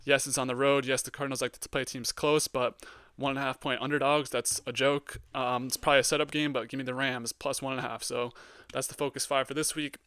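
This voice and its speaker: A young man hosting a solo sports podcast, giving blunt hot takes with lots of ums and getting excitable. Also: medium pitch, quick pace, clean tone, dry recording. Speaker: podcast host.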